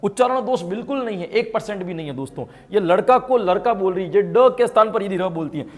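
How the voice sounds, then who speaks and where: A man from India teaching an online exam-prep class. He explains by asking questions and then answering them himself, and he gets louder on the key points. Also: sits high, expressive, quick pace, in a large hall. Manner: explains by asking and answering his own questions, with frequent tag questions; grows louder and more emphatic when stressing key points.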